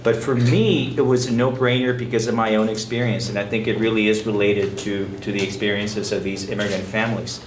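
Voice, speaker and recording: A man's voice: fairly low pitch, fairly even intonation, fairly quick, few pauses. A man from Guatemala, a city supervisor, speaking earnestly on a panel and often restarting his phrases. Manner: earnest, personal, repeats words when starting phrases. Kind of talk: panel discussion remarks. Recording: roomy, distant public-address sound with faint noise.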